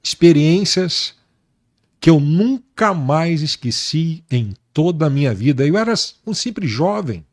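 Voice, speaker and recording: Earnest, slow-spoken man in his pastoral testimony. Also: fairly high pitch, lively intonation, a little mellow. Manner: earnest, slow and emphatic, repeating words for weight. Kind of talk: personal testimony in an interview.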